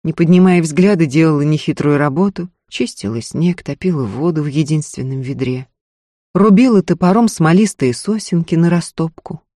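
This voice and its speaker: An audiobook reader narrating a literary novel in a steady, measured way. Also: mid-range voice, no room sound, studio quality.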